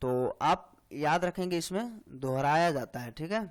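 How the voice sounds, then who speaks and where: A man teaching grammar for exam preparation, explaining slowly and checking in often with "hai na" and "theek hai". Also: on the high side, lively intonation. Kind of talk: exam-prep lecture.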